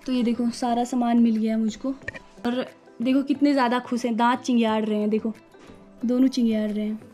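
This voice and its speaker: Narrating her wedding photos over faint background music, this young vlogger and bride from the Uttarakhand hills teases and jokes as she talks. She speaks fairly quickly in a slightly high, dark-toned voice that varies little in pitch.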